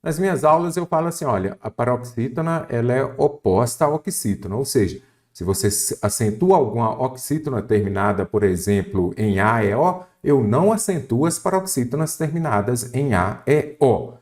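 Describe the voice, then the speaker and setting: A man's voice: medium pitch, expressive, normal speed, darkish tone. A man teaching a grammar lesson for exam candidates, asking the student rhetorical questions and listing example words one by one. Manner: didactic, addresses the student directly with rhetorical questions.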